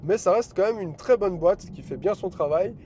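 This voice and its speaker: An eager man hosts a car review, talking in a chatty, exclamatory way. His voice sits a little high for a man yet stays warm and mellow. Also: expressive, moderate pace, a little hiss or hum. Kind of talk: enthusiastic car review vlog.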